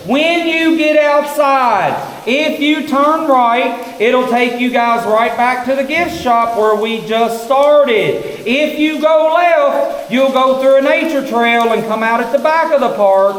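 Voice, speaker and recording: High-voiced guide in cave echo. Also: male voice, slow pace, hardly any pauses, fairly bright tone. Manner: friendly, gives directions to a group. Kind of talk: guided tour talk. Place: inside a cave. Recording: echoey cave, long reverb, faint hiss.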